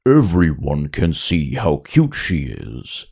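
A man voicing a huge, pompous male slug gangster lord in a story reading, slow and self-satisfied. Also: a bass voice, wildly swooping pitch, vocal fry, mellow, slightly rough, full character voice. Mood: menacing.

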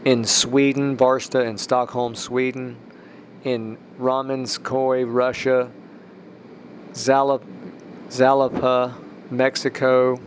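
A man's voice: mid-range voice, a little hiss or hum. Rambling man hosting a faith podcast. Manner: rambling, with restarts and emphatic rises. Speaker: podcast host.

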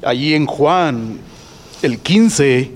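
Man, church member, scripture reading, hesitant then measured, somewhat high voice, distant in a reverberant hall. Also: lively intonation.

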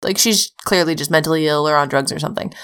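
A woman's voice: low voice, fast talker, fairly bright tone, clean tone. A young adult woman co-hosting a podcast, chatting casually and sarcastically, swearing and laughing often. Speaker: podcast co-host. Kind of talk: casual chat.

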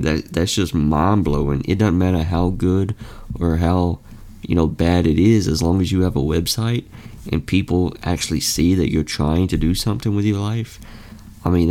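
A low, creaky, warm voice belongs to a teenage podcast host near twenty. He gives casual motivational talk earnestly, restarting sentences and using lots of fillers.

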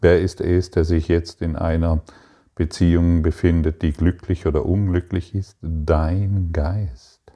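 Very deep, slow-spoken man teaching. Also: little pitch movement, warm tone. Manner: slow, deliberate, answers his own rhetorical questions. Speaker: spiritual teacher. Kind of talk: spiritual teaching with readings from a text.

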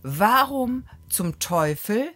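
Indignant, animated woman telling a story. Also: medium pitch, very slow. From Germany. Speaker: podcast co-host. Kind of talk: casual chat.

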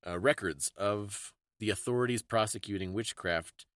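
A podcast co-host, a man with a lowish, fairly bright voice, explains history at a moderate pace in a casual, bookish conversation. The recording is dry and studio-clean.

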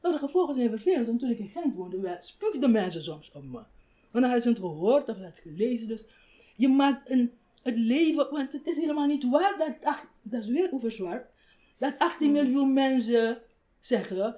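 An older woman, a writer, telling stories in a relaxed conversational interview, animated and laughing often. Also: a little high, moderate pace. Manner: animated, acts out quoted voices, laughs often. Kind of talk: reflective conversational storytelling.

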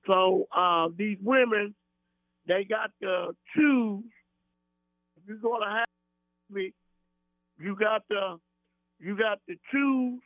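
A man's voice: sits high, vocal fry, no room sound. Man calling into a radio show on a tinny phone line. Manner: halting, many fillers and restarts; earnest and folksy. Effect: radio show caller on a phone line. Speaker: caller. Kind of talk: call-in chat.

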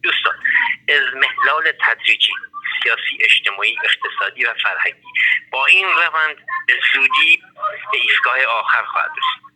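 A man's voice: medium pitch, huge pitch swings, sharp tone. A man with an Iranian accent delivers a prepared political statement as a formal, oratorical voice message over a telephone line. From Iran. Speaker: political prisoner, party secretary-general. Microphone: telephone handset. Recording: harsh, thin prison telephone line.

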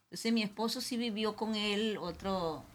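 A woman's voice: mid-range voice, normal speed, slight background noise. A middle-aged woman, a pastor's wife, telling a personal testimony with emotion and many restarts.

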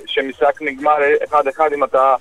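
A middle-aged man with a Croatian accent, a former footballer telling stories as a radio guest, in lively, broken speech. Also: on the high side, no room sound, low-quality recording. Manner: lively, acts out dialogue, broken grammar. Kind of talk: animated storytelling on radio.

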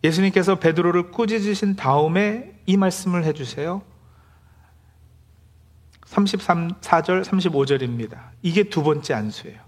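A man's voice: high voice, normal speed. A middle-aged male pastor giving a conversational sermon, now and then acting out the complaints of believers in quotes.

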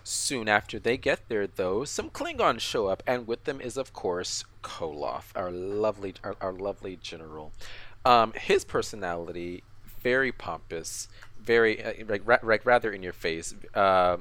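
A man with a lowish voice recaps a television episode in casual podcast chat. He stumbles through it, restarting sentences and repeating words as he goes. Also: expressive, a little slow, fairly bright tone. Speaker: podcast co-host.

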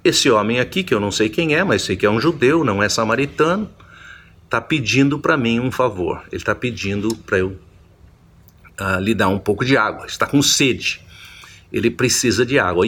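A man's voice: medium pitch, fairly bright tone. A man preaching a Bible teaching sermon, reflective, often repeating and restarting his phrases as he explains.

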